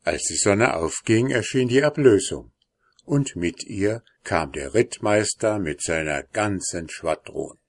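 A man reading a fairy tale aloud in a slow, measured way. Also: fairly low pitch, expressive, dry recording, clean studio sound. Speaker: narrator.

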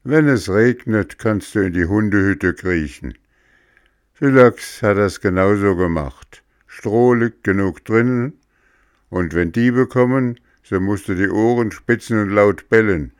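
A man's voice: on the low side, unhurried, no room sound, studio quality, lightly acted. A man doing a furious, threatening farmer. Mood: stern. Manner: angry, threatening. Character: angry gruff middle-aged farmer.

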